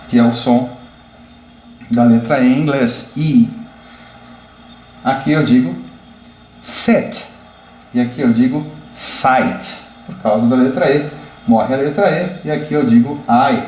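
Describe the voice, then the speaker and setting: Slow, deliberate male language teacher. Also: mid-range voice, a little mellow. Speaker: English teacher. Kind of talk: explaining pronunciation to a class. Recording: echoey room with faint background noise.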